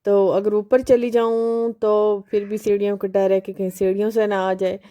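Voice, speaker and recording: A woman, chatting casually in a home vlog voice-over, unhurried and pausing often. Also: medium pitch, level tone, mellow, smooth. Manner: chatty, unhurried, with frequent hesitations. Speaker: home cooking vlogger.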